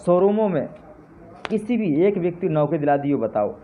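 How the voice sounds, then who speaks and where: In a slightly high, sing-song voice at normal speed, a man delivers a heated live address to his supporters, repeating fervent appeals that mount into indignant jabs. The sound is tinny, like a phone call, with faint noise.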